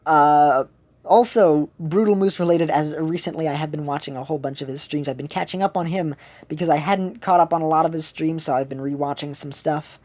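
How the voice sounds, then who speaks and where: A woman's voice: low-pitched, brisk, a little mellow. A woman streamer chatting casually while she plays a game, rambling and often correcting herself. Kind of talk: casual chat while gaming.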